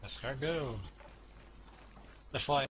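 A man teasing his friends in a deadpan way during a game over voice chat. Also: mid-range voice, takes it slowly. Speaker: gamer in voice chat.

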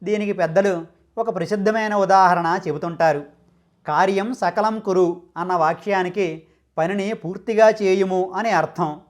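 Measured high-voiced man explaining. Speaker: channel host explaining mantra pronunciation. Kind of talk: scripted explanatory narration.

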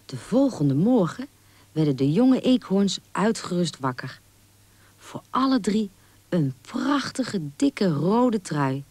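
A woman narrating a children's storybook gently and expressively. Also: medium pitch, slow pace, slightly rough, no room sound. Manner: gentle, expressive, does small character voices in quotes.

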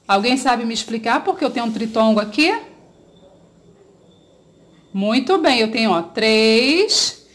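A woman's voice: a little high, animated, unhurried, pauses often, fairly bright tone. A woman with a Brazilian Portuguese accent teaching a children's grammar lesson, drawing out syllables, asking pupils questions and praising their answers.

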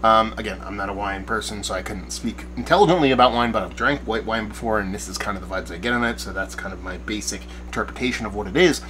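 A man's voice: lowish voice, fast, few pauses, sharp tone, soft background music, poor audio. A bearded man in his forties giving a casual, rambling beer review to camera from a small shed studio, often searching for words. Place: backyard shed studio at night, small room.

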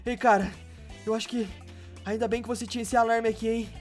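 A man's voice: very high-pitched, fast, faint music behind. A man in a Minecraft role-play, flustered and repeating himself as a clumsy hero. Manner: flustered, repeats "calma" and "meu Deus". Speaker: YouTuber playing a clumsy poor hero.

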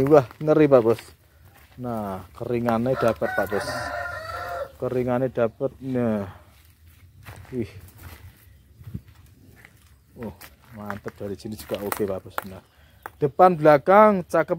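A man's voice: mid-range voice, a little mellow. A man with a Javanese accent hosting a casual sales showcase in enthusiastic, exclamatory patter. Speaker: host presenting bonsai trees for sale. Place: outdoor yard of a village nursery. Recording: outdoor noise with roosters and birds. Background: roosters crowing, birds.

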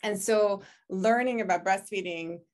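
A woman's voice: mid-range voice, a little slow, darkish tone. A woman from Hungary with a Hungarian accent, English not her first language, recalling her story in a reflective oral history interview over a video call, filling her talk with "you know.". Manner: reflective, frequent "you know", laughs easily. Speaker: interviewee, public health professor. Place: home office, virtual background.

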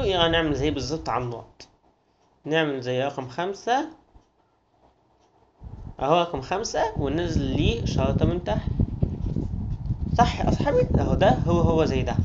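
A young man with an Egyptian Arabic accent teaching a children's lesson in a coaxing, sing-song way. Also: fairly high pitch. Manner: coaxing, sing-song, addresses kids as friends. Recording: dull lo-fi recording with noise.

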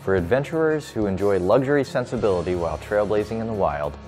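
A man with a fairly low voice reads product copy in a smooth, polished advertising style. Light background music plays under his voice-over. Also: animated, quick pace, a little mellow. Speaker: product narrator. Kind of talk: scripted promotional voice-over.

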